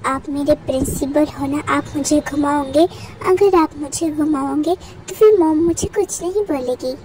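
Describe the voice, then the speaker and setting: A woman's voice: high-pitched, measured pace, darkish tone, a little hiss or hum, rough recording. A woman voicing a cute 17-year-old schoolboy who whines and pleads. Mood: pleading. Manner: whiny and pleading. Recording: music playing under the voice.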